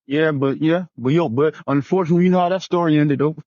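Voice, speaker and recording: A man's voice: on the high side, fast, a little mellow, no room sound, dull audio. A man on a relationship panel, talking casually and rambling, often repeating himself. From New Jersey.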